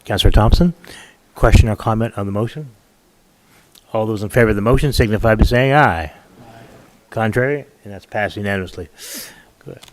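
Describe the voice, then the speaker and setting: A man with a fairly low voice chairs a town council meeting as mayor. He keeps things chatty and folksy, tossing in jokes between agenda items, in a council chamber. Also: fairly quick, long pauses.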